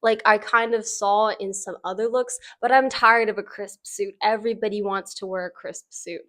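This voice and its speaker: A woman's voice: medium pitch, fairly even intonation, normal speed, fairly bright tone. Casual, chatty woman giving fashion opinions. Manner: informal, conversational, frequent "like" as emphasis. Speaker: fashion commentator, host.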